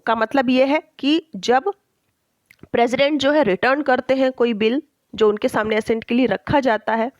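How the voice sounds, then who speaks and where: Woman teacher, slow deliberate explaining. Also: a little high, steady tone, dry recording, highs cut off. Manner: slow, deliberate reading of English lines, with frequent check-ins. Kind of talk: explaining a textbook chapter in Hindi-English mix.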